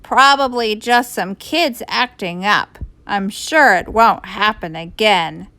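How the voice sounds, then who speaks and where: Woman doing a witchy schoolmistress, scratchy, menacing, commanding, slow and drawn-out, storybook villain. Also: medium pitch, sharp tone. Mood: sly menace. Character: stern, witchy substitute teacher lady. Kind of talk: children's storybook read-aloud.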